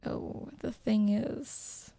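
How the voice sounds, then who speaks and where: A woman voicing a cunning female snake commissioner in a game story, with a drawn-out, deceptive snake voice. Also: mid-range voice, steady tone, gravelly, warm tone, faint music behind. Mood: deceptive, insinuating. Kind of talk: gameplay story read aloud.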